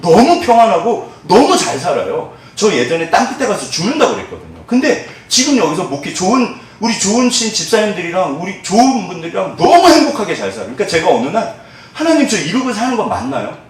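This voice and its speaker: A man preaching a sermon as pastor, lively and expressive, acting out the voices of church members and dropping to hushed tones when he prays. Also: high voice, quick pace, hardly any pauses. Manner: animated, acts out quoted voices of church members; drops to soft, hushed tones in prayerful moments. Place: church sanctuary. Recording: echoey church hall, mic at a distance.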